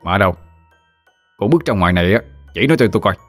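Man doing a gruff, snapping husband. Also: on the low side, lively intonation, fast, no echo, soft background music. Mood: irritated. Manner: snapping, scornful. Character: gruff irritable husband, cold and threatening.

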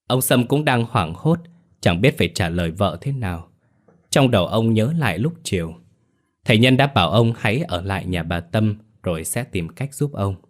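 A man narrating a ghost story in a measured, dramatic storytelling manner. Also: fairly low pitch.

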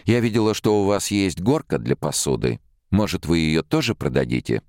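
A man's voice: deep voice, big pitch swings, normal speed, a little mellow, no room sound, studio quality, pitched above the performer's own voice. A man voicing a pushy, brash woman neighbor who haggles, in an audiobook. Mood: haggling. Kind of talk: audiobook character voice.

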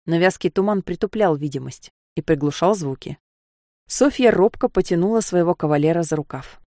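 A woman narrating an audiobook in a measured, expressive reading voice. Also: on the low side, dry recording, clean studio sound.

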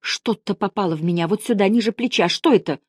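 A woman reading the part of a spirited, stubborn older woman in a lively, brisk, insistent way. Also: mid-range voice, husky, dry recording, studio quality, voice pushed up, close to an everyday voice. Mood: alarmed.

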